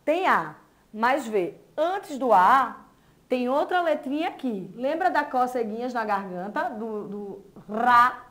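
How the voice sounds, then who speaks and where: A young adult woman with a Brazilian Portuguese accent leads a reading lesson for small children. Her voice sits a little high, and she speaks slowly, breaking words into syllables and praising the class often. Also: animated, fairly bright tone. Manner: slow, syllable-by-syllable sounding out with praise. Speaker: teacher.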